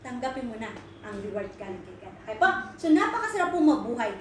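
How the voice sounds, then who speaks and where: A woman's voice: fairly high pitch, sing-song, fast talker, a little hiss or hum. A woman giving an earnest sermon, switching between English and Filipino and asking rhetorical questions. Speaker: Bible study speaker. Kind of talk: Taglish sermon. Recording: very echoey room, voice far from mic.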